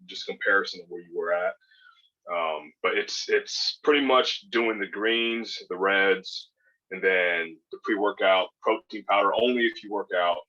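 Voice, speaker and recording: A man in his thirties with a very low, husky voice that still carries a bright, tense edge. He talks as a podcast guest, easygoing and rambling, full of fillers and restarts. The recording sounds dull and lo-fi. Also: unhurried. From born in California, raised in Hawaii and Spain. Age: 30s. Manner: laid-back, rambling with many fillers and restarts. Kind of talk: casual podcast interview.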